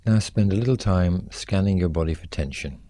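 A low-pitched man guides a muscle relaxation exercise, offering gentle, soothing instructions in short, unhurried phrases.

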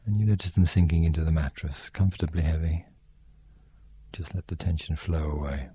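A man talks listeners toward sleep in a slow, gentle, soothing voice. His tone is very deep and mellow, with a husky grain. The recording is dry and close. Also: fairly even intonation, dry recording. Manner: slow, soothing, soft-spoken. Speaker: sleep meditation guide. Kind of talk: guided sleep meditation.

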